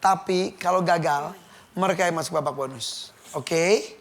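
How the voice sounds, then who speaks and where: High-voiced playful male game show host. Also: measured pace. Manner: playful and teasing, shouts results to the crowd. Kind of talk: lively TV game show hosting. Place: television studio with live audience. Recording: studio audience and backing music.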